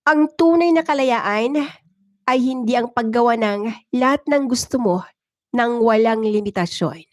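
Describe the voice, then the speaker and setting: In a dry, clean studio recording, a woman with a Filipino accent speaks at a fairly high pitch with a darkish tone and an unhurried delivery. She's a storyteller and livestream channel host, moving between dramatic first-person story narration and casual chat with her viewers.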